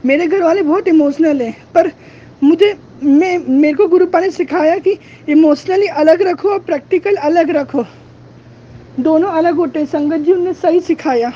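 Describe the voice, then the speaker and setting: High-voiced tearful young man pleading. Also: moderate pace, dark tone, a little hiss or hum. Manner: begging, repetitive, emotional. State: tearful, near crying. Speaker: devotee. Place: outdoors at night. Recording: dull lo-fi with faint ambience.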